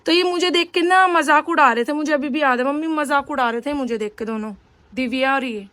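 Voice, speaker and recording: A woman's voice: high-pitched, brisk, a bit bright, dry recording. A young woman vlogging in a casual, rambling way, chatting straight to her viewers. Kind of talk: casual vlog chat.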